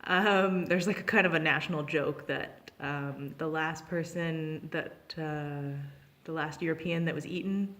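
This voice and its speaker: A young adult woman with a Canadian accent shares a personal anecdote in a chatty, informal vlog. Her voice is low-pitched and her pace measured, but she turns animated when acting out dialogue.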